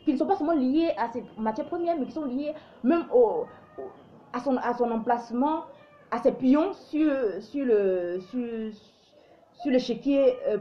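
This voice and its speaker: High-voiced emphatic African woman commentator. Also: highs cut off. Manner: emphatic and preachy, with frequent stumbles and restarts. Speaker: live show host. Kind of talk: opinionated live commentary.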